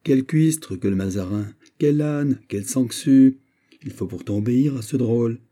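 A man voicing a witty, playful poet who argues with quick teasing replies in an audiobook. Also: mid-range voice, mellow, close to an everyday voice. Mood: arguing. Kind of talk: audiobook character voice.

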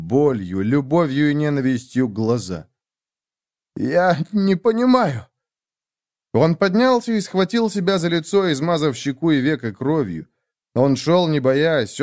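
A man narrating a dramatic story aloud with emphatic pauses. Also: medium pitch, darkish tone, dry recording, studio quality. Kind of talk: dramatic audiobook reading.

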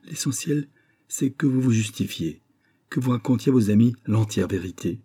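A man's voice: fairly low pitch, a little fast, mellow, slightly rough. A male reader voicing Gertie, an earnest, kindhearted young woman who worries and stumbles over her words. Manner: earnest, flustered.

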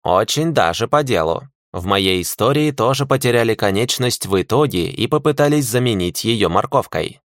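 A man's voice: lowish voice, lively intonation, normal speed, few pauses, no echo, studio quality. A man voicing a rude, centuries-old male talking cat in an audiobook, haughty and sarcastic. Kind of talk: audiobook character voice.

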